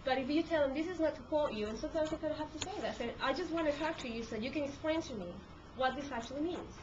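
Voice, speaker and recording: With a high voice and a quick pace, a Spanish-speaking court reporter from Peru chats with a group, her Peruvian accent clear and her talk peppered with fillers and false starts. The handheld camcorder audio is dull and lo-fi, with room noise throughout.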